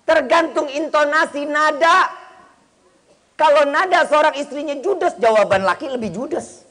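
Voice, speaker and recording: A man's voice: very high voice, a little slow, bright, forceful tone. A man preaching a humorous sermon in speech, teasing his listeners and acting out bits of dialogue. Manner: teasing, slangy, acts out quoted dialogue.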